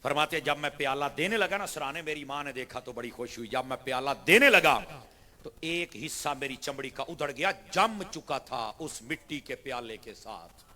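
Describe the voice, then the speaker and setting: Male preacher, bright and forceful, impassioned sermon storytelling, long hall reverb. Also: medium pitch, animated. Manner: impassioned, swings from soft to shouted; addresses the audience directly.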